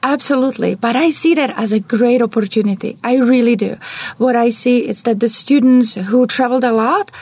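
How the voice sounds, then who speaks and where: A woman's voice: fairly high pitch, a little fast, a little mellow, slightly rough, dry recording. A middle-aged woman from the Czech Republic with a Czech accent, answering interview questions with enthusiasm in long, flowing answers. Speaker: guest, director of global programs. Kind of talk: podcast interview.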